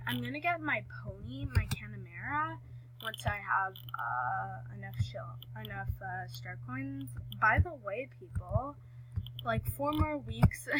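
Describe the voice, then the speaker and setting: A woman's voice: a little high, low-quality recording. A woman chatting casually over her gameplay, rambling and often correcting herself mid-sentence. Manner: rambling, self-correcting, many fillers. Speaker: gaming vlogger.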